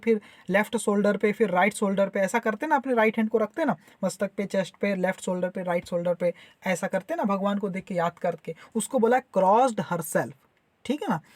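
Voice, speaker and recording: A woman's voice: medium pitch, dry recording. A woman teacher explaining a story line by line, repeating herself and checking that students follow. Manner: repeats and checks understanding with tag questions. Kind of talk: explaining an English story lesson.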